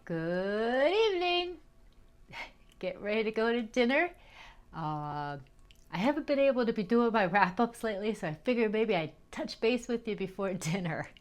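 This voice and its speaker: A woman's voice: a little high, expressive, moderate pace. A middle-aged woman chatting casually to her followers in a travel vlog, rambling with fillers and small laughs. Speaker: travel vlogger.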